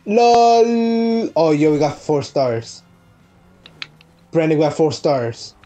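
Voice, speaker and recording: Swearing man yelling during a game. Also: on the high side, big pitch swings, takes it slowly, soft background music. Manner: loud swearing, panicky outbursts. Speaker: gamer. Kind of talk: casual gaming chat with a friend.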